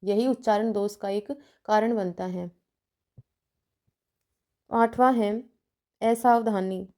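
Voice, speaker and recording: Mellow-voiced woman lecturing point by point. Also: mid-range voice, steady tone, slow. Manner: methodical, enumerating numbered points with examples; checks in with "theek hai" between points. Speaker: teacher educator.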